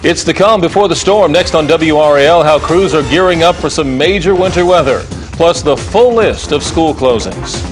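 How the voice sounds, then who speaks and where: A man's voice: a little high, normal speed, over music, poor audio. An American man anchoring a TV newscast, reading scripted news.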